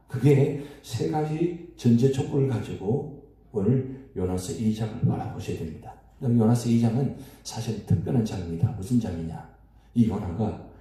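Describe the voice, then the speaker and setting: A man's voice: mid-range voice, dark tone. A man preaching a dawn sermon as pastor, asking his congregation rhetorical questions. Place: church sanctuary. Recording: echoey church hall.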